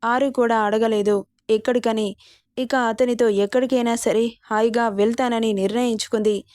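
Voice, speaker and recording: Fairly high-voiced woman reading a story. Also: steady tone, normal speed, a little mellow, dry recording, clean studio sound. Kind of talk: serialized romance story reading.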